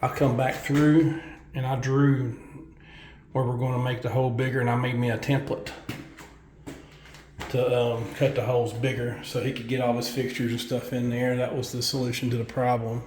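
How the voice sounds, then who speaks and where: A man's voice: mid-range voice, level tone, normal speed, darkish tone, slight background noise. A man, a construction worker giving a casual walkthrough of a building site, blunt and profane as he tells his story.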